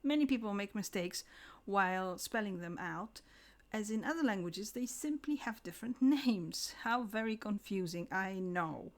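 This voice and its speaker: A woman giving a scripted English lesson, slowing down to pronounce example words carefully. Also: medium pitch, expressive. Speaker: English teacher.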